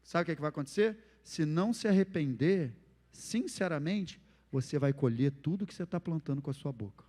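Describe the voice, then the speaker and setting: Man, pastor, Brazilian Portuguese accent, high voice, animated sermon, echoing church hall. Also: a little fast. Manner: animated preaching, acts out quoted phrases.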